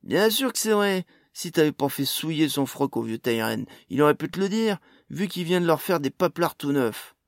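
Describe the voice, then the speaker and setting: A man voicing a brash, sharp-tongued female dwarf in an audiobook, slangy and defiant. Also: a little high, animated, normal speed, few pauses, no echo, clean studio sound, pitched above the performer's own voice. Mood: mocking defiant. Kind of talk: audiobook character voice.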